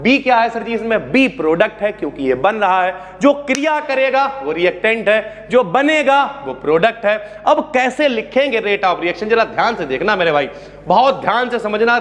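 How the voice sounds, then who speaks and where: High-voiced chatty chemistry teacher. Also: male voice, a bit bright. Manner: chatty, calls students brother, asks and answers own questions. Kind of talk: classroom lecture. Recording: long hall reverb.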